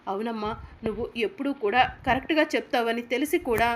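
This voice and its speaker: A woman's voice: on the high side, fast, lightly acted. A woman reading the lines of a remorseful young man, anguished and curt by turns, in a serial recap.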